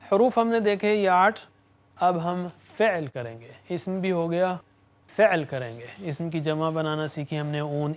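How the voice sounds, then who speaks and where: A man with a high voice gives a patient classroom lecture on grammar. He explains slowly, repeats each word form, and slips in small jokes. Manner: explains slowly, repeating words with hand gestures. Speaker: Quranic Arabic teacher.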